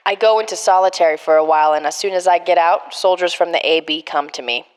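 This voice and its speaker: Woman voicing a low-voiced hardened male prison gang boss. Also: fast, clear, resonant tone, lightly acted. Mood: tough. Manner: attempted Boston accent, slipping. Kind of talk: reading a murder mystery game script.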